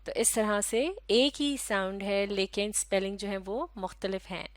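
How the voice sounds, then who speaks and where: Woman, measured phonetics teacher, clean close sound, no room. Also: medium pitch, no echo. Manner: measured, methodical, self-correcting. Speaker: English pronunciation teacher. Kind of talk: explanatory lesson on phonetics.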